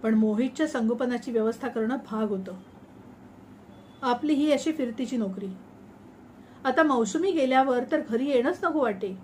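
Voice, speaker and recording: Woman story reader, high pitch, measured and reflective delivery. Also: a little hiss or hum. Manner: measured, reflective, expressive reading. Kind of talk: reading a sci-fi short story aloud.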